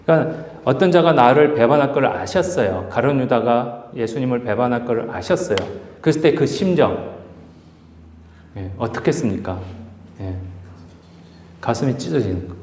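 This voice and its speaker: A man's voice: mid-range voice, lively intonation, normal speed, pauses often, a little mellow. Impassioned male pastor in echoey hall. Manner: impassioned, acts out quoted speech with rising emphasis. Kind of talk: Bible study sermon. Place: church hall. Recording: echoey hall with long reverb.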